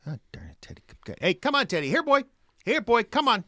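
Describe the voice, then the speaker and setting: A man's voice: low-pitched, a little slow, vocal fry. An actor playing Herbie, an earnest simple country man, in old-time radio drama style. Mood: calling.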